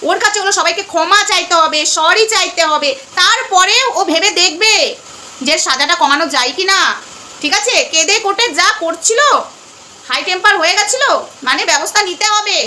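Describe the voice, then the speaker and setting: Brief: middle-aged Bengali-accented woman vlogger, bright tense voice, faint background hiss. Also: very high-pitched, fairly quick. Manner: emphatic, repeating "ঠিক আছে?". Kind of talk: casual talk to viewers.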